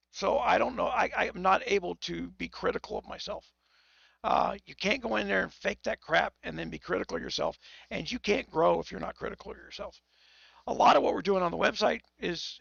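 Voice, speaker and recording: A tipsy, hoarse man rambling and cursing as he hosts a live game stream. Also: high-pitched, a bit bright, no room sound, lo-fi sound. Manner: rambling and profane, with many restarts. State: tipsy from whiskey; hoarse, losing his voice. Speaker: game livestreamer.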